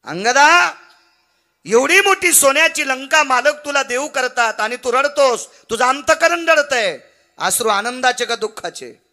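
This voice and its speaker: A man playing the hot-tempered young prince Lakshman in devotional kirtan storytelling, shouting his indignant questions. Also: little pitch movement, normal speed, close to an everyday voice. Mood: urgent questioning. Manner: shouting, indignant, high-pitched outbursts.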